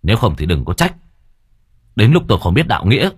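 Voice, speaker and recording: A man voicing a blunt, hot-tempered young man who speaks gruffly and sternly. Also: lowish voice, very animated, quick pace. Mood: threatening.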